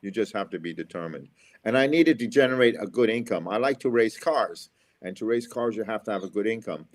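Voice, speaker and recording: A middle-aged American engineer from Florida who speaks at schools gives upbeat, motivational interview answers, repeating his key phrases. His voice is lowish, animated, and fairly quick.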